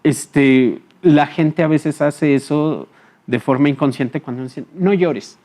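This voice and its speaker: A man with a dark, mellow voice talks as a psychologist guest. He explains in a calm, patient way, pauses on filler words and checks that his listener follows him. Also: a little high. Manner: frequent filler hesitations. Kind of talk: explanatory interview talk.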